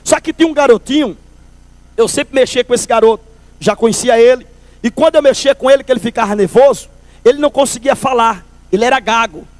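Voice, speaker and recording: A man's voice: very high-pitched, brisk, dry recording. A man from Recife, telling a humorous testimony at a church service and calling listeners brother. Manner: lively storyteller, calls listeners brother.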